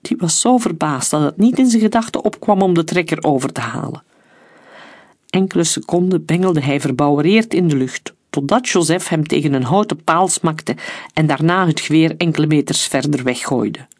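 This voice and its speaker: A man's voice: animated, moderate pace. A man reading an audiobook story, shifting his voice for the dialogue. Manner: reads dialogue with shifts in pitch and loudness. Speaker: narrator. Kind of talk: audiobook narration with character voices.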